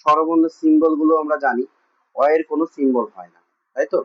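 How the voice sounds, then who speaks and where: Fast and fairly even in intonation, a man's fairly high, slightly rough voice leads a classroom lesson. His West Bengal Bengali accent comes through as he asks and answers his own questions with lots of repetition, and the recording is muffled and lo-fi.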